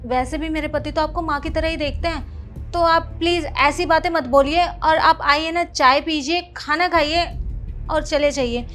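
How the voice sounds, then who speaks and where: A woman playing a calm, firm young wife. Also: high-pitched, moderate pace, soft background music. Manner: polite but firm. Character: composed young married daughter, calm but firm. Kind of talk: family drama acting.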